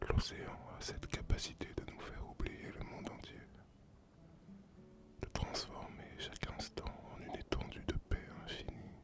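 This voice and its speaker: A performer whispers in a role-play as a lone male sea captain and former pirate, breathy and unvoiced. The tale is told slowly and poetically to the listener, lightly acted, in a wistful, serene mood.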